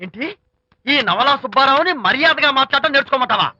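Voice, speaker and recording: A man's voice: extremely high pitch, animated, fairly quick, pushed and bright, no echo, heavily acted. A touchy, indignant bride's father. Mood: proud. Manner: prickly, indignant. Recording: dull old film audio.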